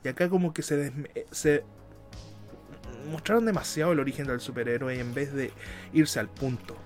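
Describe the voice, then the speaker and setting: A man's voice: mid-range voice, normal speed, soft background music. A man from Chile with a Chilean Spanish accent, hosting a casual podcast chat, laughing often and trailing off mid-sentence. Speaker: podcast host.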